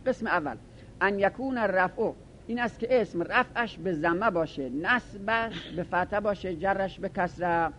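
A man teaching a grammar lesson, reading lines of a text aloud and explaining them in a casual way, sometimes hurrying through asides and sometimes drawing out the recited words. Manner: reads Arabic passages then explains them conversationally; shifts between fast asides and slow, drawn-out recitation. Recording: dull lo-fi recording with faint rumble.

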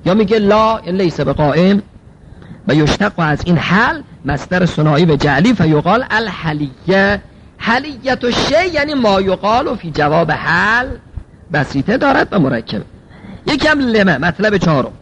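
A man's voice: sits high, a little hiss or hum, low-quality recording. A man teaching a seminary-style logic class. He reads Arabic phrases aloud, then explains them in everyday speech, asking rhetorical questions and answering them himself.

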